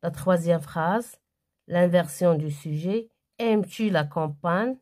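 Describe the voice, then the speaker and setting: A woman teaches a grammar lesson. She reads each textbook sentence aloud very slowly and then gives its answer. Her voice sits on the low side. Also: darkish tone. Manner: slow and deliberate, reading aloud then answering each exercise. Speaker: primary school teacher.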